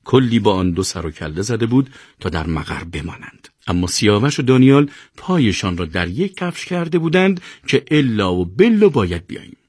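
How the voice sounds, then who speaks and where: A male narrator reads a serialized novel in a lively, expressive voice that rises and falls a great deal. The sound is close and dry, with almost no room echo. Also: on the low side, few pauses. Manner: expressive storytelling, greets listeners. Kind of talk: scripted narration.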